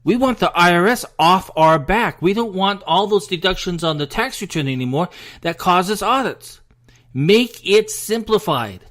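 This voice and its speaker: An American man hosts a solo political commentary in a high-pitched, slightly bright voice. He rants emphatically and with frustration, sounding out of breath.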